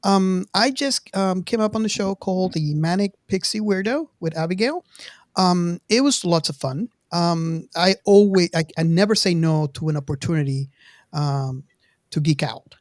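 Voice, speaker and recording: Speaking at an ordinary pace in a high-pitched voice, a male podcast host keeps things casual and conversational. The audio is studio quality, free of any echo.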